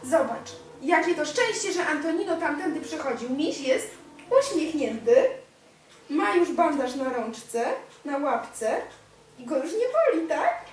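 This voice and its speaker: A woman's voice: high voice, lively intonation, unhurried. A young woman reading a picture book aloud to a small child, coaxing him with simple questions and praising his answers. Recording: echoey room, distant mic, faint noise.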